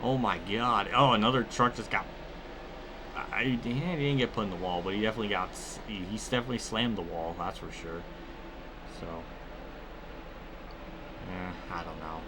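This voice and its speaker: A gaming video host talks over a racing video game in a fairly low voice at a moderate pace, pausing often against a noisy background. His commentary is casual and rambling, and he keeps cutting himself off with exclamations.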